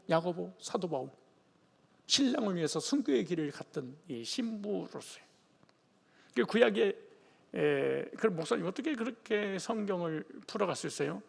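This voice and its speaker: Male pastor, from Jeolla, casual joking sermon, gravelly voice, echoing hall. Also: sits high. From Jeolla region, Korea. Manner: colloquial, joking preaching style. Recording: long reverb of a large hall.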